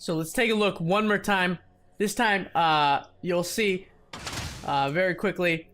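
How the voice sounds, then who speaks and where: A man excitedly commenting on a video game for his channel in a casual, hyped-up way, swearing now and then. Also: high voice, measured pace. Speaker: gaming YouTuber.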